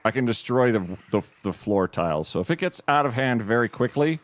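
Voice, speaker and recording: A man's voice: mid-range voice, expressive, brisk, dry recording. A man streaming a game, giving live commentary in a dry, wry, self-deprecating mutter.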